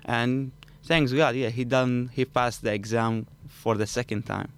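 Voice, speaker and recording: A student guest in a studio interview answers conversationally, his medium-pitched, clean voice unhurried with fairly even intonation. Originally from an Arabic-speaking country and a native Arabic speaker, he tells stories in non-native English marked by an Arabic accent.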